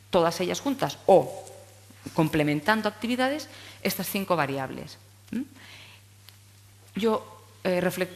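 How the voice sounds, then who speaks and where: A woman from giving a talk on speech therapy to teachers, explaining step by step and checking in often with "¿vale?" and "¿eh?". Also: on the low side. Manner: explanatory, frequent tag questions. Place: conference hall. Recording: long hall reverb.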